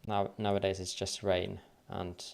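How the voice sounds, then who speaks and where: A Finnish man, his deep voice gravelly and creaky and his accent light, chats casually over trading charts during a livestream, thinking aloud and quietly muttering wave counts. He speaks in a monotone, a little slowly.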